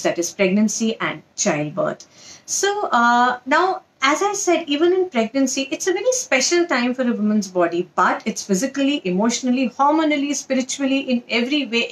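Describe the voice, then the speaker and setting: Casting: woman, Indian accent, doctor-presenter for an informal health talk, animated delivery with emphatic lists, slightly high register. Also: low-quality recording.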